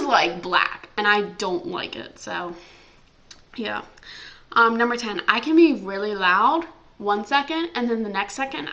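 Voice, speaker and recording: A young adult American woman vlogs casually at home, chatting freely and filling her speech with ums and likes. Her voice is mid-range with a sharp tone, and the audio sounds dull.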